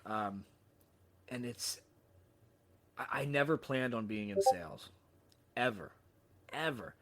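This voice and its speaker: A man spinning a story as a podcast guest, animated and self-deprecating. He stumbles and restarts often and swears casually. His voice sits in an ordinary middle pitch. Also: slow pace. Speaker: podcast guest, sales trainer.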